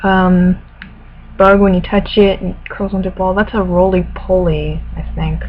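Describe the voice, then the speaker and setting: A woman's voice: lowish voice, little pitch movement, normal speed. A woman speaking casually in a hesitant, think-aloud way, answering questions and reading aloud. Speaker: accent challenge participant. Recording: tinny phone-like audio with background noise. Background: radio playing music in the background.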